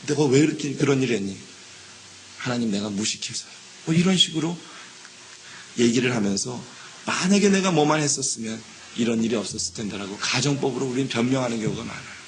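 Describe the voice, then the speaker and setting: Korean pastor acting out quoted excuses. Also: male voice, mid-range voice, fast talker, slight background noise. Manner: acts out quoted excuses in shifting voices; repeats key words, asks the congregation "예?". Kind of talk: sermon. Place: church sanctuary.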